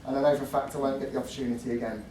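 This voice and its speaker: A man in his twenties giving a wedding toast to guests as best man, jokey and a little halting. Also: mid-range voice, fairly even intonation, darkish tone. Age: 20s. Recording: roomy, distant mic, noisy venue.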